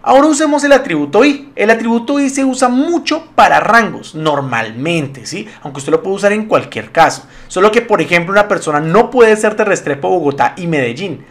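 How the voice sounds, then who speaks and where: A man's voice: high voice, sing-song, a little fast. A man giving a casual spreadsheet lesson, chatty and laughing easily as he talks to his viewers. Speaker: Excel tutorial instructor.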